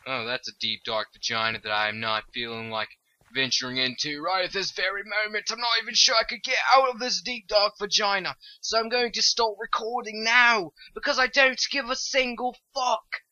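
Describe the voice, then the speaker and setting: His voice sits high with fairly even intonation at a normal speed, bright and forceful, in a muffled recording with no echo. He's a tired, stoned young man doing casual let's-play talk, rambling, swearing, and losing his thread.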